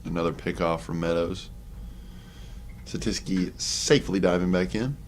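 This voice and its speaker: A young man calling a college baseball game play by play, relaxed and chatty, with offhand asides between pitches. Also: moderate pace, slight background noise. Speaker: play-by-play announcer. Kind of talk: sports commentary.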